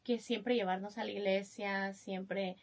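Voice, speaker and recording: Guatemalan woman guest, unhurried, soft, hesitant speaker. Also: medium pitch, fairly even intonation. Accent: Guatemalan Spanish. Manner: soft-spoken, hesitant with many fillers. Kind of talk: testimony interview.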